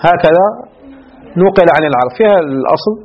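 A male teacher explaining a classical grammar text line by line, often pausing to check that his students follow. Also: a little high, lively intonation. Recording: muffled lo-fi recording.

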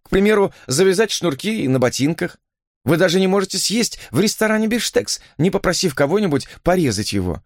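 A gentle, sad young woman with a scarred face speaks softly and earnestly, as a man puts on her voice. Her voice sits noticeably higher and moves with a lively, lilting rise and fall. The recording is close and dry, with no room sound. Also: fairly quick, no echo. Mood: pitying. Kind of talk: audiobook character voice.

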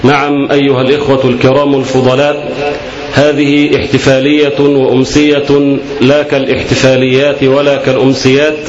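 A man delivers formal Standard Arabic oratory as master of ceremonies. His pitch stays level and his phrasing is rhetorical. The recording is dull and echoey, with a crowd audible. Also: completely flat delivery, brisk. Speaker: master of ceremonies at an Islamic wedding event.

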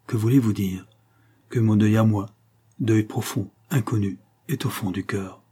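A man reading the lines of a melancholy exiled convict of about thirty, speaking gravely and gently. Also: on the low side, steady tone, unhurried. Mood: mournful.

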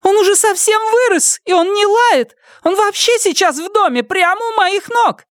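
A woman acting out a terrified, timid woman in an audiobook, her voice climbing into a thin, trembling squeal. The voice is pitched far above the reader's own and swings wildly. The recording is close and dry. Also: lively intonation, moderate pace, dry recording. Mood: frightened.

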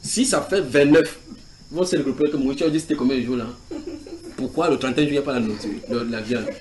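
A man's voice: mid-range voice, quick pace, slight background noise. A man preaching in a house church, teaching from the Bible, reading scripture aloud and putting questions to his listeners. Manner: animated, asks the group questions and reads scripture aloud.

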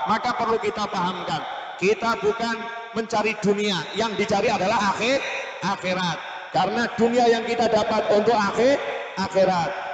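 A man preaching a sermon, telling stories with animated, shouted emphasis. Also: high-pitched. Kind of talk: sermon at a religious school gathering. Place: large hall or open-air gathering. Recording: echoey hall with long reverb.

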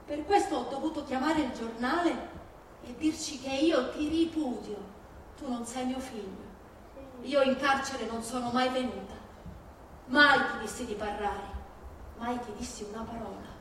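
Her voice sits high, a bit bright and unhurried, as she acts a bitter older Sicilian mother in a staged monologue, fierce with grief and casting off her criminal son. With a Sicilian accent, she scolds in an emphatic, plaintive way and keeps repeating phrases. The mic is far away in a hall full of echo, with faint noise audible.

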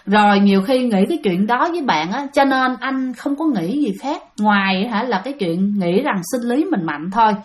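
A woman's voice: a little high, lively intonation, moderate pace, hardly any pauses. A woman telling a ghost story in a chatty way, often addressing her listeners directly.

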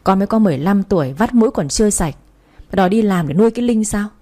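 A woman's voice: mid-range voice, lively intonation, fast, warm tone, close to an everyday voice. A woman voicing a middle-aged mother who scolds her daughter yet fears her husband. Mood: scolding, anxious.

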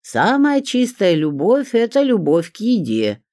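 A reader playing a smug man who pronounces folk wisdom slowly and weightily. His sayings come out unhurried and self-satisfied. The sound is close and dry. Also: medium pitch, wildly swooping pitch, mellow, no room sound, pitched above the performer's own voice. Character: smug proverb-quoting man who laughs at himself.

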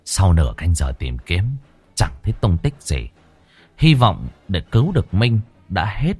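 A man narrating an audiobook story in an expressive, dramatic way. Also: low-pitched, unhurried, slightly rough.

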